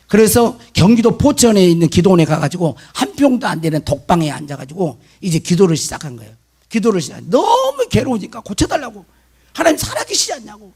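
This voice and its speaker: A male pastor delivers a sermon in a high, gravelly voice with a husky edge. He tells his story with lively swings in pitch and acts out the speakers' words with emphasis. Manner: animated storytelling with emphatic retold quotes.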